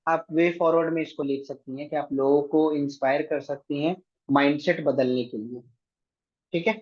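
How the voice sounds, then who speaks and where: A man's voice: on the high side, fairly even intonation, moderate pace, dull audio. A man teaching an online exam-prep class, giving directions and often checking with his students. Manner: directive, keeps checking with "thik hai".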